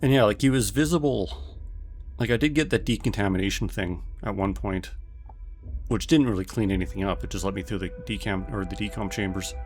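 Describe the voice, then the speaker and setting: A man's voice: on the low side, fairly quick, a little mellow, soft background music. A man streaming a game, chatting casually with viewers and thinking aloud with lots of fillers.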